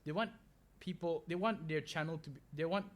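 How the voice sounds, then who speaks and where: Rambling young man, slightly high voice. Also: fairly quick. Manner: rambling, with fillers and restarts. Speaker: podcast host. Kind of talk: solo podcast monologue.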